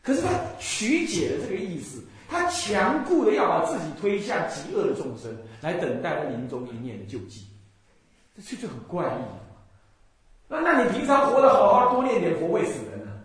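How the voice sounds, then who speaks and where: Animated Buddhist monk in a very echoey room. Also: male voice, high-pitched, normal speed, crowd noise. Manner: animated and scolding, mimics the people he criticizes with bursts of laughter. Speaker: Buddhist monk and temple abbot. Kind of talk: Buddhist dharma talk.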